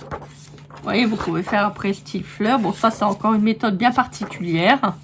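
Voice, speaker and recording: A woman's voice: medium pitch, normal speed, slight background noise. A woman chatting enthusiastically in a casual crafts haul video, with many fillers and restarts. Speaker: crafts vlogger.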